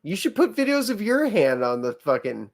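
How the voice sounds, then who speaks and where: A man's voice: high voice, very animated, moderate pace. Podcast co-host, a man with an Illinois accent, jokey and profane, loose chat. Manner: joking, swears casually. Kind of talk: casual late-night chat.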